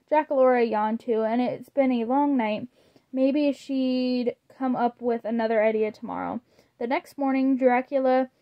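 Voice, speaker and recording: A woman reading a children's storybook aloud in a gentle, deliberate way, with a few small slips. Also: on the high side, dull audio. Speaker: storybook reader.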